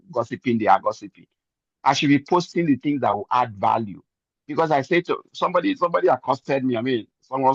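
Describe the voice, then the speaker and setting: A man's voice: medium pitch, husky, no echo, lo-fi sound. An older man giving an earnest, preachy testimony and repeating phrases for emphasis. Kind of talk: motivational testimony.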